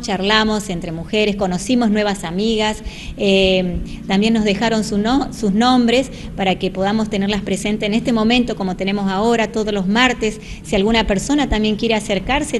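Holding a reporter's handheld mic in a church hall, this woman in her forties volunteers at the church and talks to local TV. Her mid-range voice is earnest as she invites people to come, drifting at times into preaching, and there's a bit of background noise.

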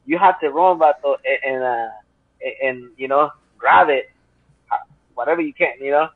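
Over a dry, tinny video call line, a Spanish-accented man in his 30s tells personal stories as an interview guest from a room at home. He has a husky, mid-range voice at a moderate pace, no room sound, and an earnest, rambling manner packed with fillers.

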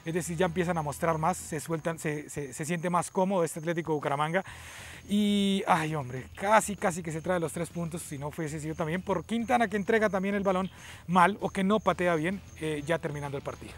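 A man's voice: a little high, brisk, a little hiss or hum. A Colombian man co-hosting a football discussion outdoors, often repeating words and phrases as he analyses. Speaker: sports show co-host and analyst. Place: outdoors at night. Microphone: lapel mic, speaking through face mask.

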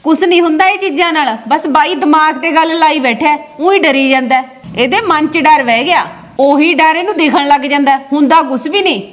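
A sensible, no-nonsense village sister, acted by a woman in a homespun family drama, with a Malwai Punjabi accent. Her very high voice lays down the law in a firm, lecturing way. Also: fairly quick, close to an everyday voice. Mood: concerned. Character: sharp, sensible village sister, young adult.

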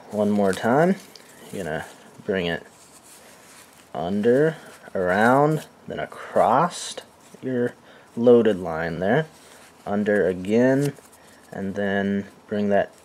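A knot-tying instructor with a slow, deep voice gives a step-by-step demonstration indoors, filming his hands over a carpeted floor. He stays calm and unhurried, dropping in soft fillers.

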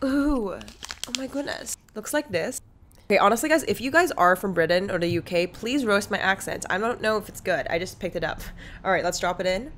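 A woman's voice: medium pitch, lively intonation, a little fast, a bit bright, a little hiss or hum. A young woman YouTuber and entrepreneur chatting to camera in a playful, put-on British-Australian accent, jokey and self-mocking. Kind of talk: casual vlog talk to camera.

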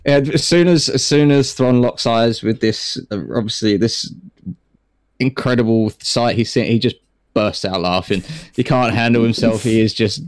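A man's voice: medium pitch, normal speed, dry recording. A man playing a tabletop game, rambling through his character's actions and laughing often. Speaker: player.

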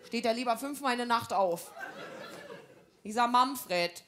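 Brash comedic housewife, higher voice. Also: female voice, a little slow, fairly bright tone, some chatter behind. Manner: brash, gossipy housewife banter in broad slang. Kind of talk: stand-up comedy monologue.

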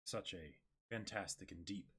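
A man's voice: deep voice, moderate pace, pushed and bright, slightly rough. A man co-hosting a stream in casual chat, making dry, mock-solemn jokes. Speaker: streamer and co-host.

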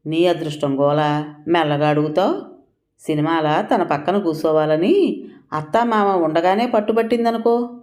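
A coarse, drunken village man boasts and gossips in a low voice, read by a woman narrator. His talk is crude and mocking, in the manner of a story read aloud. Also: normal speed, darkish tone, natural voice. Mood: boastful.

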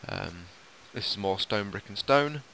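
A man co-hosting a casual game commentary, chatty and rundown-style, with a sleepy, croaky late-night voice. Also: fairly low pitch, animated, a little slow, sharp tone, a little hiss or hum. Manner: chatty, tour-guide rundown with fillers. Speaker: let's play co-host.

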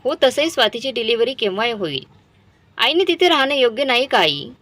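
A woman voicing a grown elder son who talks quickly and pleads with his parents. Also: very high-pitched, very animated, sharp tone, no room sound, voice pushed up, exaggerated voice. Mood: persuading. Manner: pleading, hurried.

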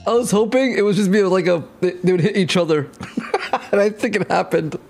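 A man's voice: high-pitched, brisk, vocal fry, darkish tone, faint music behind. A young man streaming a game, chatting casually and laughing often, swearing freely. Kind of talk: casual chat while gaming.

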